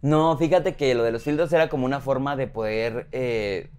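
A man with a Mexican accent, a podcast guest, chatting casually and telling stories with animated exaggeration. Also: mid-range voice, normal speed, clean tone. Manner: animated storyteller, exaggerating for effect. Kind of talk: casual interview chat.

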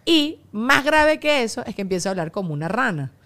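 A woman hosting a casual chat, animated and teasing, laughing often. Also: a little high, brisk. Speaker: podcast host.

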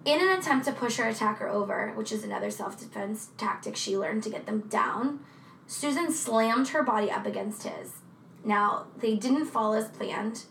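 A woman co-hosting a casual true crime chat, talking in a chatty, profane way with animated asides. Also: mid-range voice, normal speed, vocal fry, reverberant, recorded from a distance, a little hiss or hum, poor audio. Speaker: podcast co-host.

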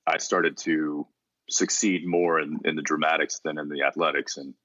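A man from Texas, an actor being interviewed, talking in a relaxed, rambling way with frequent restarts. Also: rumbling low, moderate pace, dry recording, dull audio. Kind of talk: casual interview conversation.

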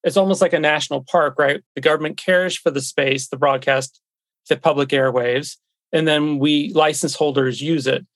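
A man's voice: on the high side, fairly even intonation, moderate pace, dry recording. A man being interviewed as an expert, explaining in a conversational way.

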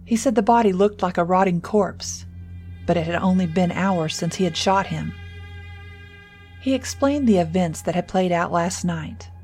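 A woman narrating a scripted horror story in first person, measured and suspenseful. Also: lowish voice, a little mellow, faint music behind.

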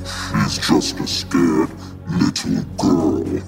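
A man playing a huge, mocking enemy general in a dramatic script reading, gravelly, sinister and taunting. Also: low voice, fairly even intonation, very slow, full character voice. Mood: menacing, mocking. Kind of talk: dramatic screenplay table read. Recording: music under the voice.

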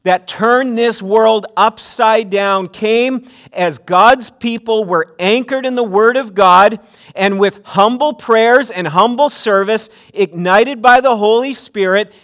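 A man's voice: sits high, a bit bright. A man preaching a sermon at a pulpit microphone in a church, earnest, often restarting phrases and building to emphatic preaching. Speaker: pastor. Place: church sanctuary.

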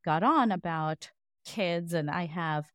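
A woman in her thirties hosting a podcast, asking questions quickly and affirming her guest. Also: lowish voice, dry recording, studio quality. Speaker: podcast host. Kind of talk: conversational podcast interview.

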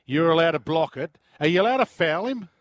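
A man's voice: fairly high pitch, animated, brisk, no echo. An Australian man hosting a sports radio show in a conversational style.

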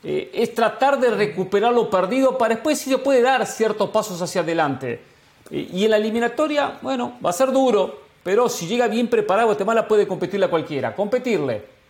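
High-voiced male pundit who rambles. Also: animated, brisk. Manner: rambling, filler-heavy, self-deprecating humor. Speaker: football pundit. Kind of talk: sports talk show commentary.

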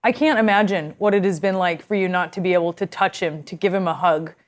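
A woman news anchor asking gentle, probing questions in a live interview. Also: fairly low pitch, fast.

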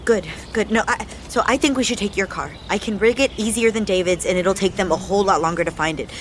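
A middle-aged woman playing a defiant, protective mother on the run in an audio drama, blunt and sharp-tongued. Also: mid-range voice, quick pace, a little hiss or hum, close to an everyday voice. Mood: urgent. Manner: blunt, swearing.

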